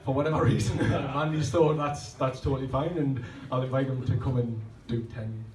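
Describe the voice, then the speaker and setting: This poetry-night reading in a pub function room features a man in his 30s delivering rhymed spoken word with rhythm, plus rambling, self-deprecating asides. The voice is medium-pitched, steady and a little mellow at a moderate pace, heard through a roomy, distant live recording with faint ambience and slight background noise.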